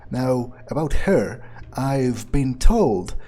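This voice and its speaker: Speaking very slowly with big pitch swings, a man with a warm, mid-range voice role-plays a character while playing a video game. His musings are blunt and profane, set against game music.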